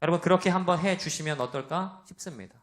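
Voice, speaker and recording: Speaking fast in a fairly high-pitched, loud voice, this pastor delivers a sermon aimed at young adults. He questions the congregation directly and performs the voices of those he quotes.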